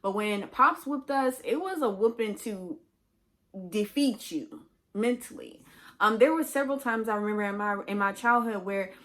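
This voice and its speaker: A woman's voice: mid-range voice, a bit bright. Candid woman telling her own story. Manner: halting, with many fillers and restarts; conversational and candid. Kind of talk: personal storytelling monologue.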